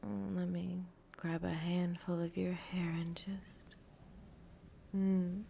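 A woman whispering a teasing, dominant audio roleplay in a breathy voice, with soft chuckles between phrases. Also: lowish voice, little pitch movement, slow pace, a little hiss or hum.

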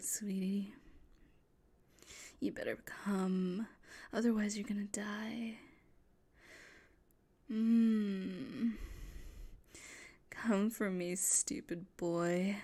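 In an intimate audio roleplay, a woman plays a possessive, unstable, domineering character, whispering and cooing in a breathy, menacing way. Her voice is mid-range and a little mellow.

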